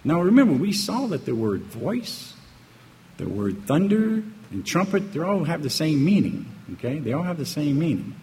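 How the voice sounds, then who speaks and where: A man's voice: on the high side, sing-song, moderate pace, a little mellow. A man preaching a sermon, emphatic and full of rhetorical questions, often checking in with "okay?" and "right?". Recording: echoey hall with faint ambient noise.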